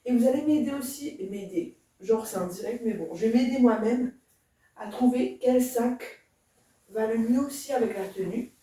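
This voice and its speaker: Young female vlogger, enthusiastic, quiet delivery, higher voice, recorded far off in an echoey room. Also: moderate pace. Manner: chatty, enthusiastic, addresses viewers directly; soft-spoken. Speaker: beauty vlogger. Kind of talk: casual get-ready-with-me vlog. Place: indoor room. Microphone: camera standing at a distance.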